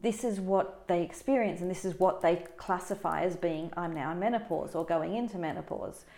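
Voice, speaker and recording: A woman practitioner of Chinese medicine, answering interview questions in an animated, explanatory way. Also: fairly low pitch, fairly quick, vocal fry, reverberant. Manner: animated, explanatory, does dramatic quoted voices.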